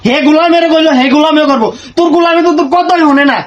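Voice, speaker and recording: Comic skit: quarrelsome village wife, rapid high scolding. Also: male voice, dull audio, background noise. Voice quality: shrill, scolding. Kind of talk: comedy skit acting.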